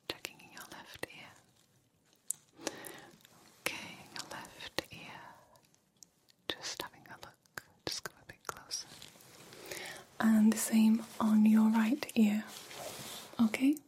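A woman doing a whispered role-play as a gentle, reassuring doctor, giving repetitive instructions in a breathy, soothing whisper. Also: fairly high pitch. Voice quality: breathy, mostly unvoiced whisper. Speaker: ASMR performer playing a medical examiner.

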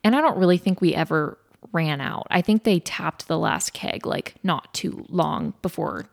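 A young woman co-hosting a podcast, chatting with emphatic, lively retelling. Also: sits low, normal speed, gravelly. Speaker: podcast co-host. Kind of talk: casual chat.

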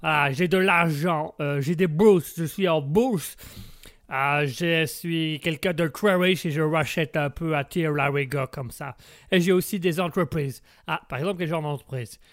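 A man's voice: a little high, unhurried, dry recording, clean studio sound. A man playing a boastful Texan billionaire gun-maker who fumbles for words and drops English words into his talk.

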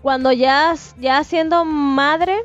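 Woman co-host telling spooky stories, acts it all out, kinda muffled audio w/ soft music. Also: high voice, slow pace. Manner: animated storyteller, swears it's true, acts out scenes. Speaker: podcast co-host. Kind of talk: casual chat, storytelling. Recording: dull lo-fi sound with faint music.

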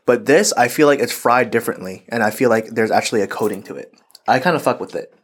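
A young man hosting a casual podcast, chatting in a relaxed, slangy way while eating. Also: medium pitch, fast, breathy edge. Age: young adult. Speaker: podcast host.

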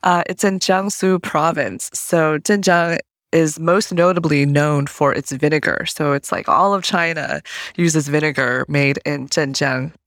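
Her low voice holds a steady tone and a fairly bright quality, moving at a measured pace. She's a Colorado woman in her early thirties, a podcast guest in a casual interview who laughs softly as she shifts between ideas. Studio-quality audio, no echo.

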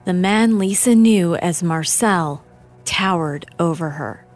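A woman narrating a documentary in a measured, deliberate, scripted way. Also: lowish voice, a little mellow, soft background music.

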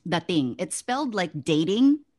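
A woman's voice: low-pitched, lively intonation, unhurried. A young woman from the Philippines, co-hosting a casual podcast chat, laughing often and trailing off mid-thought. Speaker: podcast co-host.

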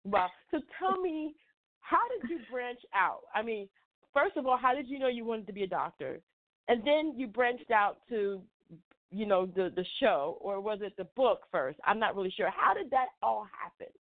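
A woman hosting an interview, animated and exclaiming, asking long rambling questions. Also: fairly high pitch, moderate pace. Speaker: show host, interviewer. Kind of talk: casual interview. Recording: tinny phone-like line.

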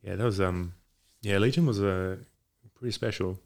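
A man's voice: sits low, normal speed, a little mellow. A man in a casual chat as a guest, talking in a hesitant, rambling way. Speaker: podcast guest, boxing coach. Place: home garage.

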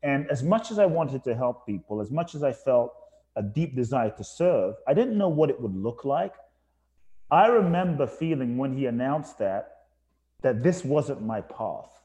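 A man's voice: mid-range voice, big pitch swings, measured pace, dark tone. A man from Ghana, a podcast guest, telling his life story earnestly, with some restarts. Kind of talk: casual storytelling interview.

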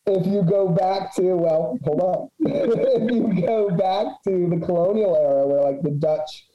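A man's voice: high-pitched, unhurried. A man talking as a podcast guest in a laid-back, profane way, laughing often. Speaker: guest researcher. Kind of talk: casual podcast chat. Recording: echoey, dull lo-fi sound.

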